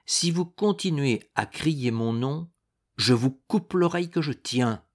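A man's voice: mid-range voice, expressive, slow, voice pushed up. A man voicing a fierce, menacing chevalier. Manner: commanding, menacing. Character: fierce young male chevalier, threatening and impetuous.

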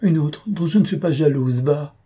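A man giving voice to a calm, self-sacrificing young woman in an audiobook. She speaks softly through a husky, raised voice. The tone stays dark and mellow. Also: a little high, normal speed, pitched above the performer's own voice. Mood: gentle.

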